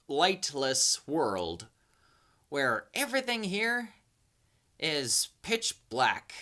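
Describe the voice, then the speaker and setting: A speaker presenting a countdown in a horror-host manner, with theatrically spooky asides and dramatic pauses. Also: mid-range voice, sharp tone. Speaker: host of a top-ten creature countdown video. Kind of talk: spoken countdown commentary, semi-improvised.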